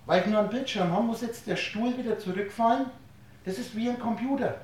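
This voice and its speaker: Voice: medium pitch, fairly quick, a little mellow. A lecturer giving a spiritual talk to a live audience, posing rhetorical questions and playing with words, explaining through everyday analogies. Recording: very echoey room, voice distant from mic.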